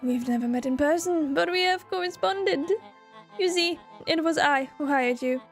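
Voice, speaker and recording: A woman voicing a scheming villain in a child's body from a story game, pompous and condescending, speaking with slow theatrical menace. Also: high-pitched. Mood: grandiose. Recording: music playing behind the voice.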